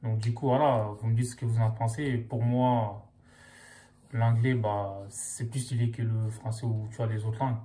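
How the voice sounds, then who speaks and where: Slangy young man, mellow voice. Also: mid-range voice, steady tone, normal speed. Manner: slangy, loose, filler-heavy talk. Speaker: vlogger. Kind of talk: casual chat to camera.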